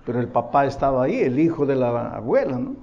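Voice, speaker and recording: A man's voice: medium pitch, very animated, fast talker, dark tone, muffled recording. A man preaching a sermon as a pastor, telling stories and asking the congregation rhetorical questions.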